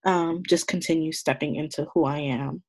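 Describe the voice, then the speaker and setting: A woman in her twenties from the American South with a Southern accent, co-hosting a podcast in casual chat, expressive and mock-exasperated. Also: sits low, normal speed. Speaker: podcast co-host.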